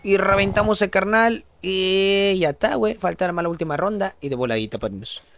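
A man's voice: sits high, a little fast, a bit bright, no echo. A young Mexican man streaming a game live, slangy and upbeat, chatting with viewers as he plays. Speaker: gaming streamer. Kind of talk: live game commentary, reading chat.

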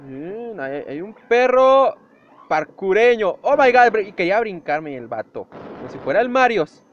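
A young man with a Mexican accent giving excitable gameplay commentary, shouting, swearing and making sound effects. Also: high-pitched, measured pace. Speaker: gameplay youtuber. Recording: dull lo-fi home recording with faint hiss.

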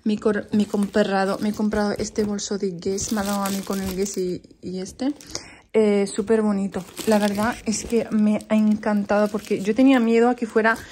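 A woman's voice: medium pitch, little pitch movement, moderate pace, warm tone, a little hiss or hum. A young woman vlogging at home, chatting casually to camera in a rambling way with many restarts.

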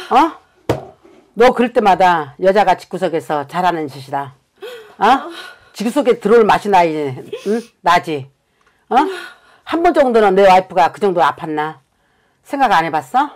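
A woman playing a shaman fortune-teller in a staged reenactment, scolding and cursing at a client in rough, blunt speech. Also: medium pitch.

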